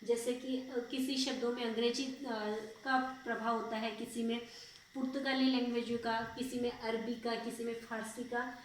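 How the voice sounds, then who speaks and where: A woman's voice: on the high side, little pitch movement, moderate pace, far from the mic, a little hiss or hum. Patient woman teacher, echoey room. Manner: patient, repeats and asks checking questions. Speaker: school teacher. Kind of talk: grammar lesson.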